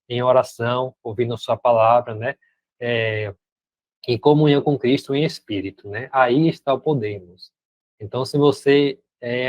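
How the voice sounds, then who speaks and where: A man's voice: medium pitch, no room sound, highs cut off. A Brazilian man preaching a sermon, reading a story and commenting on it in a conversational way. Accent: Brazilian Portuguese. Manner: conversational, frequent tag questions "né?".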